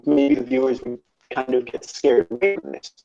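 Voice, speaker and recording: A man chatting on a gaming podcast, stopping and restarting often and filling gaps with "um" and "uh". His voice sits at an ordinary pitch. The audio is dull and lo-fi. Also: big pitch swings, gravelly, warm tone, faint music behind. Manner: halting, many fillers and restarts. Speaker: podcast co-host. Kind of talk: casual gaming chat.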